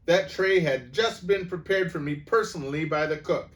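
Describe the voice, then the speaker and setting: A man voicing a furious, bullying headmistress who barks and booms insults at a child. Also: normal speed, fairly bright tone, close to an everyday voice. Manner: booming, barking insults. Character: bullying hulking headmistress, woman, furious and cruel.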